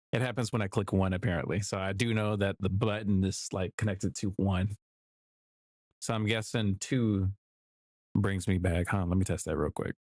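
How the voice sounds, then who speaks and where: Building music samples on stream, a producer offers casual running commentary, rambling and correcting himself with little chuckles. His low, slightly mellow voice moves a bit slowly with fairly even intonation, and the recording is dry.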